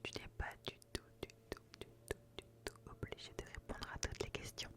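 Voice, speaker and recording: A breathy, voiceless whisper near the microphone carries this woman's gentle questioning. As an ASMR host running a personality-test roleplay, she keeps things slow, soothing, and repetitive, echoing her own phrases.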